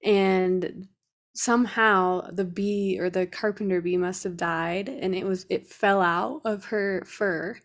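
A young woman co-hosting a podcast, chatting casually. She tells her story loosely, with plenty of "like" fillers, at an ordinary middle pitch. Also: fairly even intonation, takes it slowly. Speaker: podcast co-host. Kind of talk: casual chat.

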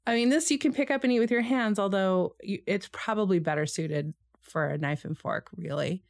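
A woman's voice: medium pitch, dry recording, clean studio sound. A woman co-hosting a podcast, chatting casually and reflectively about a historical recipe. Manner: reflective, reads quotes aloud slowly. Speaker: podcast co-host.

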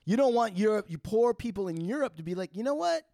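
A man's voice: high voice, fast, mellow, no echo, studio quality. A man talking in a casual, opinionated way, explaining like an emphatic storyteller in everyday slangy language. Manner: emphatic storytelling with casual swearing and checking "right?". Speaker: podcast co-host explaining history.

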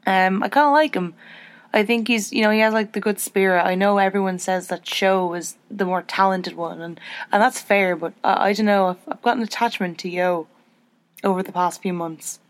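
A young woman hosts her podcast in easygoing, casual chat. She is chatty and self-deprecating, and her voice jumps up in pitch when she gets excited. The sound is dry and close, with no room in it. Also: normal speed, no echo. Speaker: podcast host.

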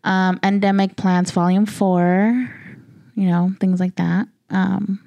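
A woman's voice: mid-range voice, little pitch movement, slow pace, gravelly, mellow, dry recording. A woman co-hosting a casual podcast, laid-back and laughing often, swearing freely as she tells a story. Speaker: podcast co-host.

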